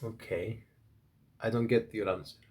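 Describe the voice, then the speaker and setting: A man's voice: on the low side, steady tone, unhurried, a little mellow, a little hiss or hum. A man hosting a casual study chat. He talks hesitantly, restarts his sentences and teases his partner. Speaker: student and podcast host.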